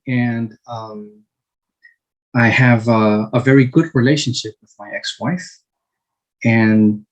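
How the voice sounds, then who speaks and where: A man in his fifties from Chile, answering interview questions slowly with frequent hesitations and restarts. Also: medium pitch, poor audio. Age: 50s. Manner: slow, halting, many fillers and restarts. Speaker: guest.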